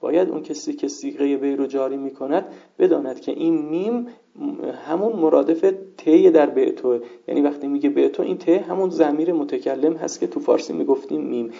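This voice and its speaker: A man's voice: fairly high pitch, creaky, mellow. A man teaching a seminary lesson on jurisprudence, explaining points patiently and conjugating examples aloud. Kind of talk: lecture on Islamic jurisprudence. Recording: dull lo-fi recording.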